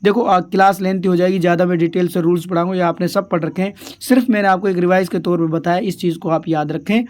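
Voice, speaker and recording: A male teacher giving an exam revision lesson. He keeps putting questions to his pupils and answering them himself, calls them dear children, and reads English words out slowly. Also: high voice, fairly even intonation, darkish tone.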